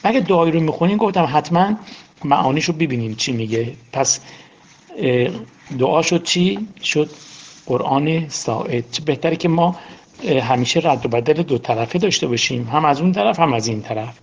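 A man's voice: fairly high pitch, expressive. A man giving an informal religious lecture, talking conversationally and often asking his listeners questions. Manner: conversational, asks the audience questions. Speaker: religious teacher.

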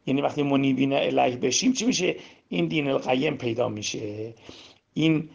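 Gravelly, husky male preacher. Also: medium pitch. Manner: asks and answers his own rhetorical questions; swings between loud emphasis and hushed demonstration. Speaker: religious teacher. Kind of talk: sermon explaining Quran verses. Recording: dull lo-fi recording.

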